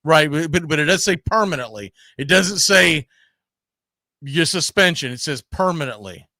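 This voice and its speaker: A male sports talk host leads a casual, argumentative discussion in a bright, sharp voice pitched slightly high. He's expressive and emphatic at a normal speed, circling back to repeat words as he argues his point. The recording is very dry.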